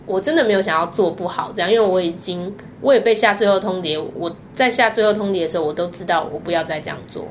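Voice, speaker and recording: A guest with a Taiwanese Mandarin accent shares candid personal stories with lots of energy, laughing often and acting out the voices of people she quotes. Her voice is on the low side, and there's a slight hiss or hum in the recording.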